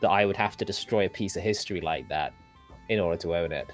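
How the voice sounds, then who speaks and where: A man's voice: low-pitched, fast, soft background music. Rambling English man hosting a livestream. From England. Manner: rambling, self-deprecating, many restarts. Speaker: host. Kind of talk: casual chat on a livestream.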